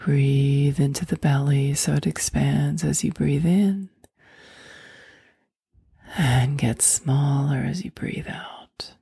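A woman leading a guided meditation in a soft, soothing voice that often drops into a whisper. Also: sits low, fairly even intonation, takes it slowly, creaky, breathy edge, no room sound, clean studio sound.

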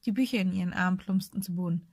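A woman reading an audiobook in a calm, measured narration. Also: fairly low pitch, slightly rough, dry recording. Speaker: audiobook reader. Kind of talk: scripted narration.

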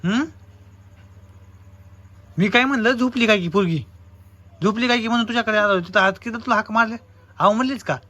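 A young man speaks, and his voice sits high and bright. He coaxes gently, asking the same questions over and over. It is casual home-vlog talk. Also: brisk, long pauses. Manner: gently coaxing, asks again and again. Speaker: husband and vlogger.

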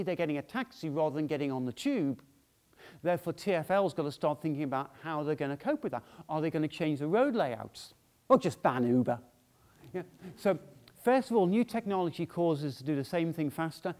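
A man's voice: on the high side, animated, fairly quick, a little mellow. A man on stage in a large hall giving a conference talk, chatty and informal, often checking in with the audience with "yeah?". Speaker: conference speaker.

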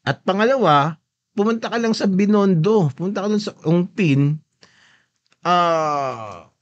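A man with a slightly raised pitch hosts his own podcast and talks loosely through a video he is watching. He switches between Tagalog and English mid-sentence and keeps turning to the listener for agreement. His delivery is offhand, easy commentary. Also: animated, measured pace, highs cut off. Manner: mixes Tagalog and English, often seeks agreement with a questioning tag. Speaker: podcast host.

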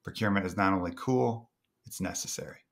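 A man with a low voice and vocal fry talks fast as a podcast guest. Confident and playful, he promotes his company in a casual interview chat.

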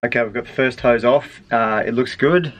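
A sailing vlogger with a mid-range voice casually narrates a how-to on boat engine repairs at a moderate pace. Filmed on a handheld action camera aboard a sailboat, in the engine bay and out on deck, he sounds relaxed and matter-of-fact but hesitant with ums, with a little hiss or hum.

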